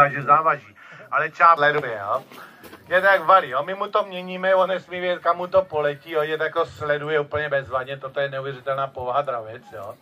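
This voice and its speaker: A man's voice: a little high, lo-fi sound. A man presenting a live outdoor falconry show, talking to the crowd with lots of tag questions. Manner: lively, addresses crowd, frequent tag questions. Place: outdoor field at a bird show.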